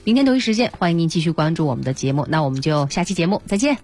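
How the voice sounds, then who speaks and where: A woman's voice: deep voice, very animated, rapid-fire, darkish tone, breathy edge. A woman hosting a radio programme in a conversational style.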